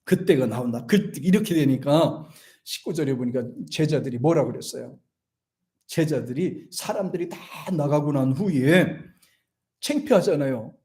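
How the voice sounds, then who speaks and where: Animated Korean man preaching a sermon. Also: a little high. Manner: animated preaching, rising emphatic repetitions; reads scripture slowly with congregation. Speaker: pastor.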